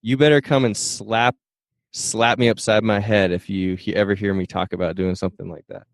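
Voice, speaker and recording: A man's voice: lowish voice, fairly even intonation, normal speed, no room sound. A man hosting a podcast in casual chat, telling stories in an easygoing, slangy way. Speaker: podcast host.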